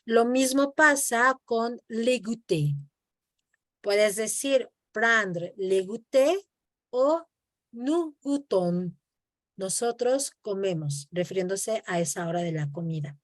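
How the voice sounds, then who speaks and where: Woman, language teacher on a video call; slow, patient, slightly high voice, dry close sound. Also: lively intonation, no echo. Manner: patient, slow, models words for the student to repeat. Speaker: French teacher. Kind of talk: online language lesson, explaining in Spanish and French.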